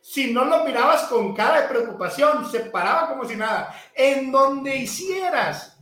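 A man in his thirties with a high voice chats on a podcast. He spins lively, foul-mouthed stories about fatherhood and imitates the people in them. The room has a roomy echo, and soft music plays underneath. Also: a little slow. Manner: profane, animated storytelling, mimics voices. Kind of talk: casual podcast chat.

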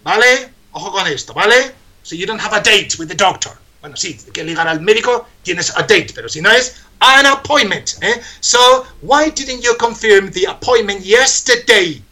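A man with a Spain Spanish accent teaching English phrases on a live radio show. He repeats each phrase slowly and tags his lines with quick checks for understanding. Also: high voice, expressive, bright, forceful tone.

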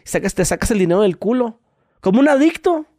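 A man telling a story in casual podcast chat, animated, full of crude slang and acted-out voices. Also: high voice, quick pace, no room sound, studio quality.

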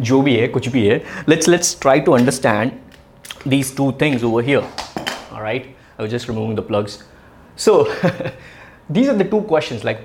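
A man in his thirties, an online marketing educator with an Indian English accent and a mid-range voice, explains a topic in a casual, chatty video. He laughs between points and poses rhetorical questions.

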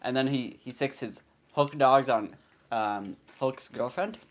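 Man, casual chat with friends, rambling, filler-heavy, mid pitch. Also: a little slow.

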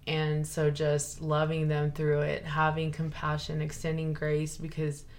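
A woman's voice: low voice, completely flat delivery, a little slow. A young woman, talking earnestly and rambling with many fillers and restarts in a casual chat. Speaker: guest sharing her story.

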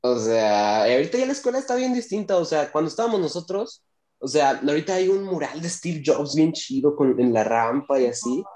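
A young man with a Mexican accent, chatting casually with old classmates and telling school stories with lively asides and laughter. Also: on the high side, fairly quick. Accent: Mexican Spanish. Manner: animated storytelling, slangy, laughs often. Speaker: former classmate. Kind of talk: casual chat. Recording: roomy echo.

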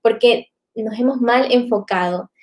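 A woman's voice: a little high, measured pace, highs cut off. A woman giving a reflective live faith talk to viewers, often tagging her sentences with "¿no?". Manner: reflective, many filler tags like "¿no?".

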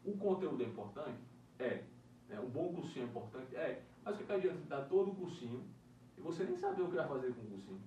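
A man's voice: medium pitch, quick pace. A man chatting casually about exam prep, telling stories with plenty of swearing. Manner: profane, animated storytelling. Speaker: podcast co-host. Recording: roomy, distant mic, faint noise.

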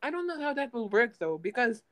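A woman's voice: a little high, sing-song, brisk, fairly bright tone, poor audio. A nineteen-year-old woman chatting casually to her viewers, rambling with lots of ums and restarts. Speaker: gaming channel host.

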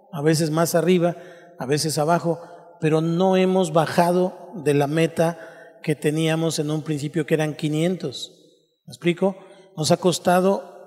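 A man's voice: on the high side, a little mellow. Man preaching in an echoing hall. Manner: explanatory, asks rhetorical questions. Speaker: pastor. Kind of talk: sermon teaching.

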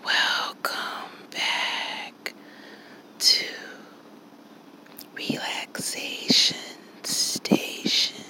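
Slow whispering woman guiding relaxation. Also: rough recording. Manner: slow, soft whisper counting breaths. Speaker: relaxation host. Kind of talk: whispered ASMR guided relaxation.

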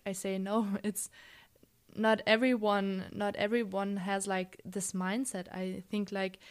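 A woman's voice: mid-range voice, clean tone. A young woman from Germany speaking English as a second language, answering interview questions hesitantly with many fillers. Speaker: interview guest. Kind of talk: casual interview.

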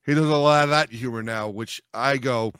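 A man in casual group banter as a podcast co-host, swearing freely and repeating his phrases excitably. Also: medium pitch, normal speed, clean tone, no echo, clean studio sound.

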